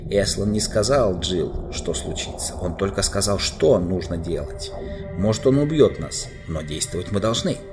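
A man reading aloud and voicing a gloomy, cautious marsh-dwelling creature who talks low and steady. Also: moderate pace, music in the background. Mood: grim.

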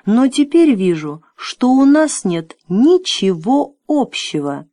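A woman's voice: a little high, takes it slowly, no echo, studio quality, voice pushed up. A woman playing a brave polite boy. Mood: firm. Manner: calm, firm and polite. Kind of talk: audiobook character voice.

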